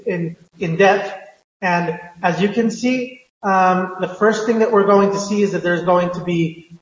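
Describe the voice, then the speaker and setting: A man giving an improvised online university lecture, speaking haltingly with frequent filled pauses and repeated words. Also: sits high. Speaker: university language teacher. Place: indoor room, teaching a live online class. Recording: echoey reverberant room, muffled audio.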